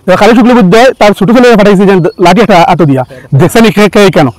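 A man's voice, fairly high for a man, races through an eyewitness account. He stumbles and restarts often, piling filler words together as he rushes on, and the sound is close and dry. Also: animated, dry recording, rough recording. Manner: hurried, with frequent restarts and fillers. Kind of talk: spoken account to camera.

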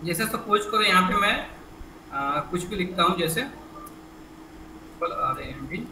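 Recorded from afar on an echoey room mic amid background noise, a male computer teacher with a high voice teaches an online class in an expressive, unhurried way. He breaks topics into steps, puts questions to his students and repeats "ठीक है" often.

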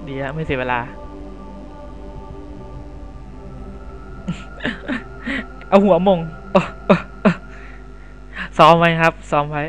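Young guy cursing his way through a horror game, kinda high voice, game music in the back. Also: very fast, few pauses, rough recording. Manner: crude, loud swearing outbursts and jokey asides to viewers. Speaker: gameplay commentator. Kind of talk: horror game let's play commentary.

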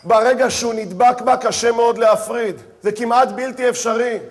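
A man's voice: very high voice, steady tone. A man, a rabbi, giving a sermon, speaking straight to his audience and telling the story with dramatic voiced asides.

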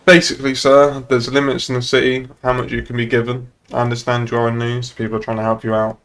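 Quick and flat, with a somewhat bright medium-pitched voice, this young British streamer plays a moderator in an online game. His chatter is informal and full of swearing.

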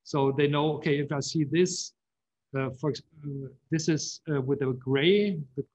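A man giving a conference keynote on video call, halting and full of fillers and restarts. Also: a little high, darkish tone, highs cut off. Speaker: keynote speaker, composer.

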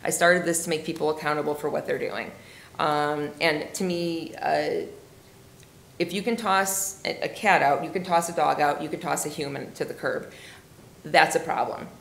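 Woman in her 40s talking to city council about cat rescue, low gravelly voice, echoey chamber, lots of ums. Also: steady tone, a bit bright, slight background noise. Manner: earnest, halting with fillers and restarts. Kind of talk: public comment at a council meeting. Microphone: desk microphone, camera at a distance.

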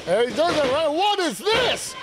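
A man's voice: very high-pitched, very animated, normal speed, heavy background noise. A man doing smug, brash color commentary for a wrestling match, siding with the villains. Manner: smug, brash, heel persona. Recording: loud crowd in a warehouse venue.

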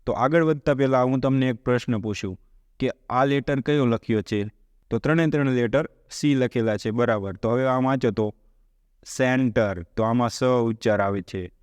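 A man's voice: mid-range voice, moderate pace, darkish tone, smooth, dry recording. A man with a Gujarati accent teaching a spoken English lesson, explaining step by step and putting questions to his listeners.

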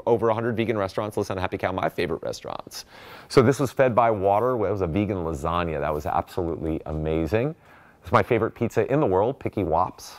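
Deep voiced guy giving an excited rambly talk on a festival stage, lots of ums. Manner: enthusiastic, chatty, frequent fillers and restarts. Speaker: conference speaker. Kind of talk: casual presentation talk with slides.

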